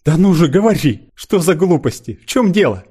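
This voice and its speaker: Man putting on a stern tired older sister, brisk and questioning, higher voice, bit husky. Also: very animated, warm tone. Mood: impatient.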